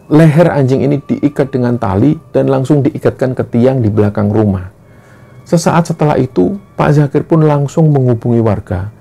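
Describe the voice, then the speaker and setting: A man narrating a horror story in a steady, earnest storytelling manner. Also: fairly high pitch, gravelly. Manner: steady, earnest retelling with frequent "nah".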